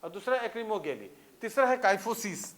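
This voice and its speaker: A man's voice: high-pitched, big pitch swings, a little fast, fairly bright tone. A man teaching a lecture in a conversational way, often checking that students understand with repeated questions. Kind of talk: classroom lecture.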